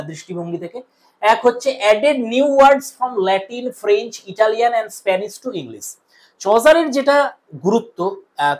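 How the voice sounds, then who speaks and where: A woman tutor with a West Bengal Bengali accent, giving an exam-prep lecture, dictating notes and slowly repeating key points. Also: mid-range voice. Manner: addresses viewers as friends, asks checking questions. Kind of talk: classroom lecture.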